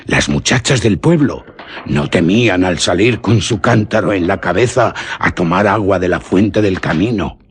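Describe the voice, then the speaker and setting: A man with a low-sitting, husky, rough-edged voice narrates a suspense story. His delivery is theatrical and deliberate, in a literary radio-theatre style.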